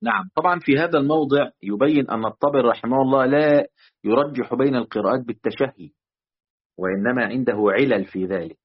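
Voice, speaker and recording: A man, teaching a study lesson on a classical text with a measured manner and frequent hesitant fillers. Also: medium pitch, breathy edge. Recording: dull lo-fi audio.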